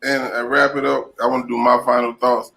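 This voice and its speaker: A man's voice: medium pitch, little pitch movement, brisk, creaky, sharp tone, rough recording. A man hosting a live talk show, thanking his guests and wrapping up the episode. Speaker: host.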